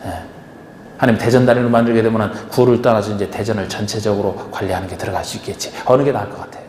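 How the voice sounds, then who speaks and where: Speaking very fast in a lowish, slightly mellow voice with a steady tone, this man teaches a real estate agent exam class. He coaxes his students along, asking them one question after another, and the echoey lecture hall carries faint background noise.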